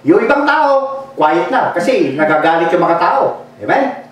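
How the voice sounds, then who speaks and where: A man's voice: sits high, big pitch swings, unhurried. A man preaching a fervent bilingual sermon and calling for amens from the congregation. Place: church hall. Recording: echoey church from far off.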